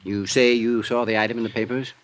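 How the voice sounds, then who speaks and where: An actor voices a courteous, meticulous American insurance executive in 1940s-50s radio drama style, polite and measured. His mid-range male delivery is flat and lightly acted, guarded yet confiding, and he turns hesitant when sharing secrets.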